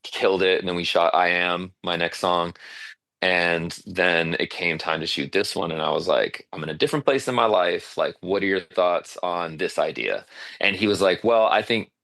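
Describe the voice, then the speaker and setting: A man from Arizona, a singer-songwriter guest, chatting casually in an interview and telling animated stories full of fillers. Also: deep voice, moderate pace, creaky, dry recording. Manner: animated storyteller, many fillers, laughs often.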